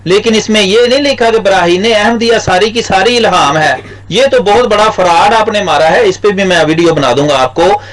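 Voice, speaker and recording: A man's voice: high voice, poor audio. A man in a heated religious debate, scornful, repeating curses and insults at his opponent. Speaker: Ahmadi debater.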